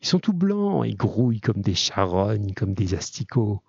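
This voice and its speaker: A man's voice: on the low side, very animated, unhurried, gravelly, darkish tone, breathy edge, no echo, lo-fi sound, exaggerated voice. A man voicing a streetwise young male convict who boasts in a matter-of-fact way. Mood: boastful.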